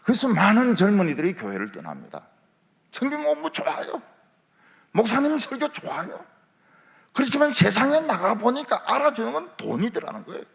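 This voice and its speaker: Male revival preacher, wildly expressive delivery, long church hall reverb. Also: very high-pitched, fairly quick, gravelly. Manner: lively preaching with rhetorical questions and humor. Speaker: pastor. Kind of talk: revival sermon. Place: large church sanctuary.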